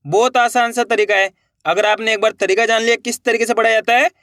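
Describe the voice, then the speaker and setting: A man's voice: high-pitched, fairly bright tone, no echo, clean studio sound. A man teaching Hindi reading step by step, stretching out syllables and asking the viewer repeated questions. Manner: addresses viewers as friends, encouraging. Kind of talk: step-by-step phonics lesson.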